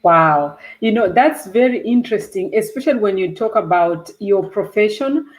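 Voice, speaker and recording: A woman's voice: medium pitch, lively intonation, moderate pace, poor audio. Eager woman host with many fillers. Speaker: host of a STEM channel. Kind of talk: interview hosting.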